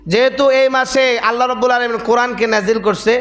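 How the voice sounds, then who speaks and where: A very high-pitched man delivers a Friday sermon as a mufti. He hammers his points with emphatic repetition and keeps firing rhetorical questions at the congregation. His voice rings through an echoey prayer hall. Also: steady tone, fairly quick, a bit bright. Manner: emphatic, repetitive preaching cadence. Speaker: mufti preaching.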